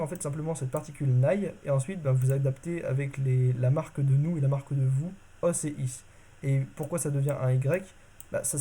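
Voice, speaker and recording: A man with a mellow, mid-range, slightly rough voice gives an informal video lesson on a constructed language. He uses many fillers and often stops to correct himself mid-sentence.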